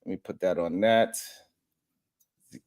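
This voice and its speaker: A man's voice: low voice, unhurried, darkish tone. A man hosting a casual livestream, talking loosely and rambling as he greets viewers in the chat and chuckles often.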